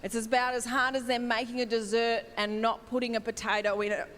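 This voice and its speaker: An Australian woman in her thirties performing stand-up comedy on stage, telling brisk family stories. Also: on the high side, little pitch movement. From Wagga Wagga, Australia. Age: 30s. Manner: brisk, storytelling, mimics relatives. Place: comedy stage in a large hall. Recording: live hall with long reverb, faint noise.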